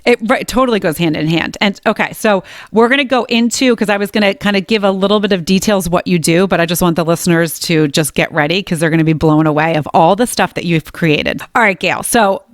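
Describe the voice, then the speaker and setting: A woman's voice: lowish voice, no echo. Gushing woman host, dry close sound. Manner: gushing and excited, with quick restarts. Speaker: podcast host. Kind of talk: casual interview chat.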